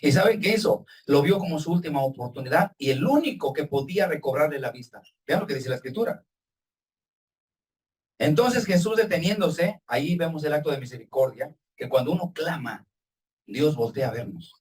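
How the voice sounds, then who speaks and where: A man preaching a sermon to his congregation as their pastor, with emphatic swings in pitch and loudness, calling them brothers. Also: expressive, normal speed, husky, far from the mic. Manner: addresses the congregation directly as brothers. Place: church hall with congregation and Zoom viewers.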